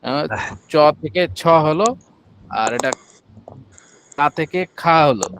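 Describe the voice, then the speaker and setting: Slow, patient male online teacher. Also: fairly high pitch, lively intonation, fairly bright tone, a little hiss or hum. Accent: Bangladeshi Bengali. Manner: slow, patient syllable drills. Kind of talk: online class lesson.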